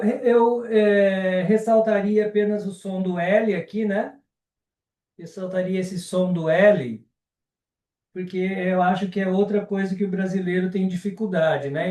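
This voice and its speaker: A man with a Brazilian Portuguese accent teaching a live online class, unhurried and often ending sentences with a checking question. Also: sits high, dark tone, recorded from a distance. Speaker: Sanskrit teacher. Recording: roomy and off-mic.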